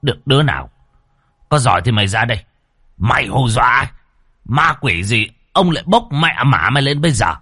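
A man's voice: on the low side, big pitch swings, fast talker, long pauses, husky, no room sound, clean studio sound, heavily acted. A man doing a blustering old landlord. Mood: defiant. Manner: blustering, shouting threats. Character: old male landlord, harsh and foul-mouthed.

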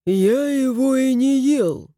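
A woman's voice: high voice, slow, dark tone, no room sound, studio quality. A woman voicing a grumpy, touchy male house cat in a storybook reading, sulky and grumbling.

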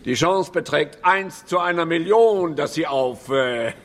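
A man's voice: on the high side, measured pace, fairly bright tone. An actor playing a dry, haughty, skeptical male professor, speaking formally and scornfully in a radio drama.

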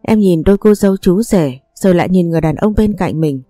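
A woman narrates a first-person story in a low, mellow voice, reading every character's lines herself. The recording is dry and close, with soft music playing faintly underneath. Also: animated, quick pace, no echo. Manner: reads every character's lines in her own voice.

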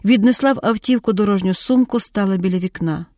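A woman reading a dramatic audiobook in a measured, vivid storytelling voice. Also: mid-range voice, warm tone, no echo, studio quality. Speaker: audiobook narrator.

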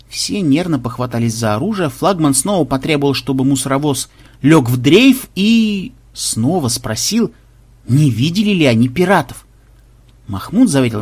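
A man's voice: a little high, breathy edge. Man narrating a comic sci-fi audiobook. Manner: lively storytelling, acting out every character.

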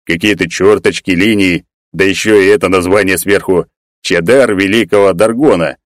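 A man's voice: low-pitched, steady tone, moderate pace, no room sound, studio quality, natural voice. A man reading the lines of a stubborn, skeptical male companion in an audiobook, in a scoffing, dismissive way. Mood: surprised.

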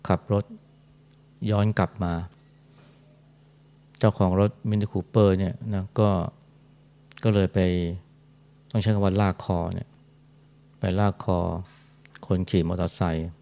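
A monk giving a calm, storytelling dharma talk in a monastery hall. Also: male voice, low voice, slow, creaky, long pauses. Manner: calm storytelling, frequent "na" tag. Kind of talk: sermon.

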